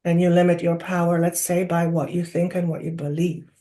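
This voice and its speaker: Channeled through a medium in trance, a wise collective of spirit guides gives deliberate, oracular, solemnly instructive guidance, drawing out key words and posing rhetorical questions. The mid-range voice is dark and level in tone, and lightly acted.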